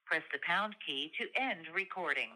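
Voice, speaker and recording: A woman's voice: lowish voice, lively intonation, moderate pace, background noise. Faint recorded phone greeting, woman. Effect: heard faintly over a landline phone. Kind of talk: automated phone message.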